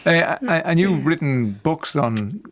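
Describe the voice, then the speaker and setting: A man's voice: fairly high pitch, animated, normal speed. A man hosting a radio discussion, asking questions in a conversational, prompting way. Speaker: radio host. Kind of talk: radio interview.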